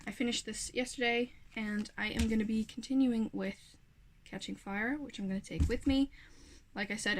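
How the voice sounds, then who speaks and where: Background noise accompanies this medium-pitched woman, a Dutch-native book vlogger in her twenties. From home, she chats effusively about her reading in a casual vlog update, stopping now and then to correct herself.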